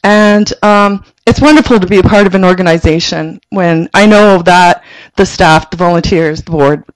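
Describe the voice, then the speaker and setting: High-pitched man, passionate and halting. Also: clear, resonant tone, no room sound, rough recording. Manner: passionate, halting with frequent restarts. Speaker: community presenter and social worker. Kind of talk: presentation to city council. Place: council chamber. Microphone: table microphone.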